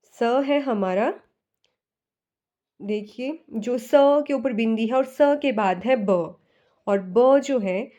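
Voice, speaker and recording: A woman's voice: fairly high pitch, extremely slow, pauses often, mellow, highs cut off. A woman teaching a Hindi lesson in a classroom style. She asks a question and then answers it herself, and she drills each sound one by one.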